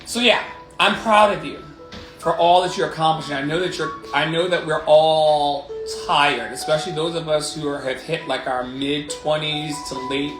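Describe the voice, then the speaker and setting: A life coach in his late thirties hosts a motivational livestream from his living room, speaking candidly and emphatically, swearing and repeating affirming phrases. His voice is a little high and a bit bright, with fairly even intonation and a moderate pace, over roomy echo and music.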